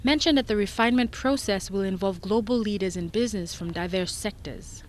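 A woman reads a business news report in a steady, scripted manner. Her voice sits at a middle pitch and keeps an even, measured pace. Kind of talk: scripted narration.

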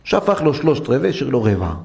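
A middle-aged rabbi giving a sermon in a synagogue, telling stories and acting out the voices of the people in them. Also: male voice, big pitch swings, creaky, a little mellow, husky. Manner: acts out quoted characters with pitch swings. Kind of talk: sermon with storytelling.

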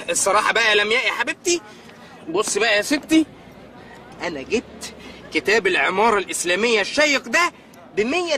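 A bookish young history teacher with an Egyptian accent, lecturing at a rapid clip. His voice swoops up and down with lively pitch, and he turns coaxing and pleading with his sweetheart. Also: a little hiss or hum, heavily acted. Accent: Egyptian Arabic.

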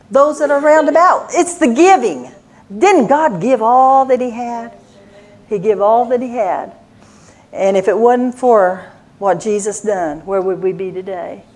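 A woman's voice: on the high side, darkish tone. An older woman giving a folksy sermon, telling family stories and laughing often. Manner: folksy storytelling with frequent laughs. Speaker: church speaker.

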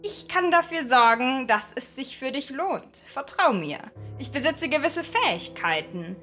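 Storybook reading: a shifty crow with a high, bouncing voice, put on by a woman, hushed and scheming. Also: expressive, measured pace, soft background music, heavily acted. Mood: conspiratorial. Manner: hushed, conspiratorial whisper. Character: scheming talking crow, sly and foul-mouthed. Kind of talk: audio horror story reading.

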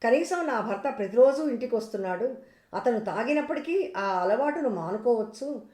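A woman's voice: a little high, animated, normal speed, a little mellow, close to an everyday voice. A woman reading as an anxious, pleading young mother. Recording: roomy echo.

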